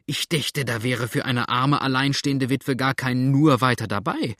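A male reader voicing an indignant, chattering old widow with a shrill, scolding voice. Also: normal speed, a bit bright, no echo, clean studio sound, close to an everyday voice.

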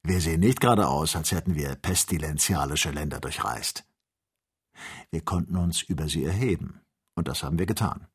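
A man's voice: a bass voice, normal speed, slightly rough. A man reading the part of a keen, amiable male hunter on a balloon expedition. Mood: friendly.

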